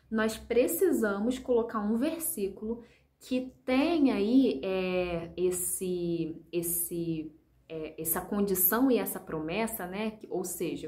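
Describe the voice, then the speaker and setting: Woman at a middle pitch, patient teacher of children's ministry, speaks straight to viewers, encouraging, filler-heavy. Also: a little mellow. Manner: patient, explanatory, with many fillers; addresses viewers directly, encouraging. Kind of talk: instructional video talk.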